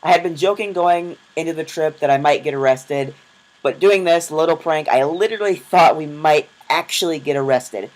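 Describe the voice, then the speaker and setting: A man's voice: a little high, rough recording. A young man narrating his travel vlog in a casual, self-deprecating storytelling voice-over. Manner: chatty, self-deprecating, quick asides. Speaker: vlogger.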